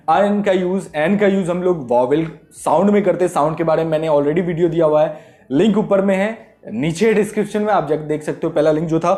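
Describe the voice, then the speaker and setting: A young man teaching English grammar to students, lively and repetitive, often checking whether they understood. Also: fairly high pitch. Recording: echoey room.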